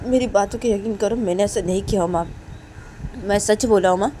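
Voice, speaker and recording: A woman's voice: medium pitch, moderate pace, dark tone, a little hiss or hum, close to an everyday voice. Woman voicing a tearful pleading young man.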